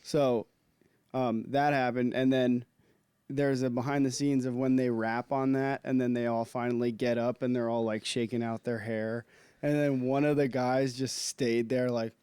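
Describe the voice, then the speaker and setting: A man's voice: mid-range voice, flat delivery, normal speed, darkish tone, clear, resonant tone, dry recording. A man co-hosting a casual film podcast, chatting with frequent laughs and many filler words. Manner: laughs often, lots of "like" fillers. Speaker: podcast co-host.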